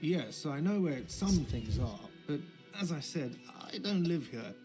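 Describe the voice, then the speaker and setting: A man's voice: fairly high pitch, expressive, a little slow, darkish tone, soft background music. An actor voicing a grumpy, money-minded male cafeteria manager in a video game, curt and irritable.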